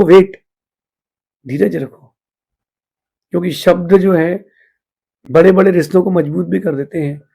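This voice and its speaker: A man delivers a teaching sermon in an easy, conversational way, slipping English phrases into his talk. His voice sits high and sounds gravelly, with a husky, rough edge. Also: a little mellow. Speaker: Jain monk giving a discourse.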